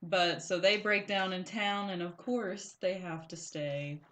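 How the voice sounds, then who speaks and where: A woman's voice: fairly low pitch, fairly even intonation, unhurried, fairly bright tone, a little hiss or hum. Giggly woman recapping with fillers. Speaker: podcast co-host. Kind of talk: casual chat.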